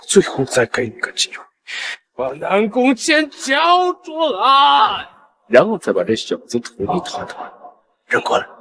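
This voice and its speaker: An actor playing a menacing, mocking demon-lord villain in a fantasy drama, theatrically swinging between hiss and roar. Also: male voice, medium pitch, very animated, brisk, a crowd in the background, close to an everyday voice. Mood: mocking rage. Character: gloating, raging male demon-lord villain, half-step heavenly demon. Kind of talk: Chinese fantasy short-drama acting.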